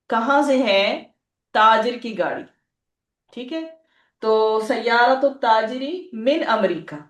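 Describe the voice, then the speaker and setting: A woman teaches an Arabic lesson at a patient pace, repeating each phrase and checking that her students follow. Her voice sits at an ordinary middle pitch. The room around her is roomy and echoey. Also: recorded from a distance. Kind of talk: language lesson.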